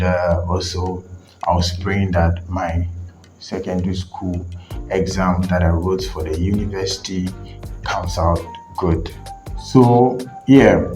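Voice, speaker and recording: A young man from Ghana and Nigeria hosting his tech channel, telling his story casually with many fillers and restarts. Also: sits low. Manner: relaxed, rambling, frequent fillers and restarts.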